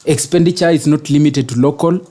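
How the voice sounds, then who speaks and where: A man with a Kenyan accent giving political opinions as a panelist, arguing deliberately in formal wording. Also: fairly high pitch, mellow.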